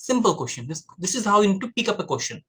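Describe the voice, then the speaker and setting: A man's voice: sits high, big pitch swings, moderate pace, fairly bright tone, breathy edge. A man from Bangladesh teaching an exam-prep lesson in a direct, informal way, addressing the viewer as brother. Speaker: IELTS tutor. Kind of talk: casual explanatory lesson.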